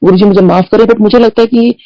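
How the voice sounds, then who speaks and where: Middle-aged woman, mellow tone, dry close sound, chatty testimony full of English asides. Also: medium pitch, fairly even intonation, quick pace, no room sound, rough recording. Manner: mixes Hindi with English phrases, many "you know" fillers; storytelling that acts out quoted dialogue. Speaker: devotee sharing personal testimony. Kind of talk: conversational satsang testimony.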